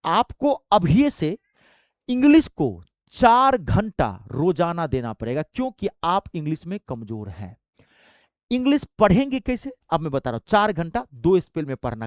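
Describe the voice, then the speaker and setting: A man gives a motivational exam-prep lesson, emphatic and exhorting as he talks straight to weak students. His pitch swings widely between high bursts and low asides. The sound is dry and close, with no room around it. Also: no echo. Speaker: exam coaching teacher.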